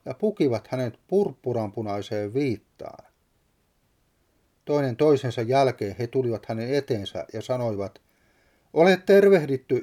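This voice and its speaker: A man's voice: medium pitch, dark tone. A man solemnly reading a Bible passage and preaching on it, stressing the quoted lines with drama.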